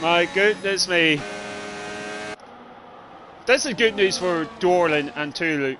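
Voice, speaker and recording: A man's voice: high voice, slow pace. A man doing live race commentary on a livestream of a sim racing event. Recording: clearly noisy, engine noise behind.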